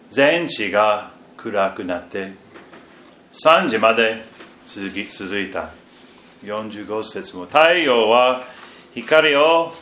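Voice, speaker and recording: A man preaching a sermon and reading scripture, halting and restarting, with phrases that often fade very quietly at the end. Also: on the low side. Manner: slow and halting, with repeated fillers and restarts. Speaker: pastor. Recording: echoey room, faint background noise.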